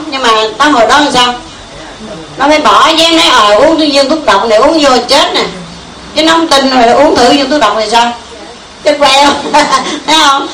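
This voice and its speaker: A woman's voice: sits high, a bit bright, slight background noise. A woman giving a folksy Buddhist sermon, full of rhetorical questions and small chuckles. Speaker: Buddhist preacher. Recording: echoey room from far off.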